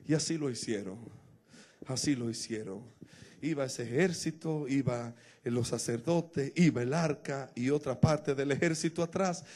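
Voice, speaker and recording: A man preaching a sermon, retelling a scripture story and rising to emotional shouted exclamations. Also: mid-range voice, measured pace.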